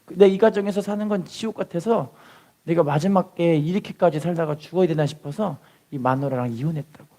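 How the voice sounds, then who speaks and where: A man preaching a lively sermon, often calling out hallelujah and putting rhetorical questions to the congregation. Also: a little high, a little fast.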